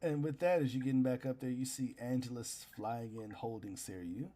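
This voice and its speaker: A man's voice: mid-range voice, moderate pace, dark tone. A man narrating a tabletop game as game master, improvising in a casual, slangy way.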